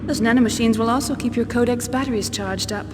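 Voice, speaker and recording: A woman's voice: a little high, fast talker, close to an everyday voice. A woman voicing a cool, precise military scientist in a video game, explaining in a firm clinical manner. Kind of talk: dramatic video game voice acting. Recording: long hall reverb, noisy ambience behind.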